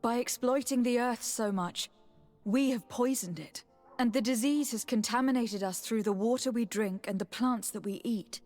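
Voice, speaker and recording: A darkish, natural voice on the high side comes from an actress cast as a young noblewoman diplomat in a game. Against faint background music, she sounds composed and dutiful, keeping her words measured, earnest and formal.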